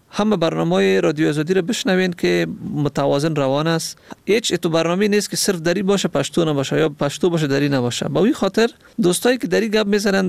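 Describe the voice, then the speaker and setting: Male radio host, gravelly, fairly high, dry close mic, calm and soothing. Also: no room sound. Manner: soothing, explanatory. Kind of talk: radio phone-in hosting.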